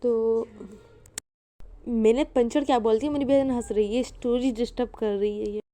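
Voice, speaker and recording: A woman's voice: on the high side, fairly even intonation, normal speed, dark tone. A woman casually narrating a fan story and chatting with her viewers.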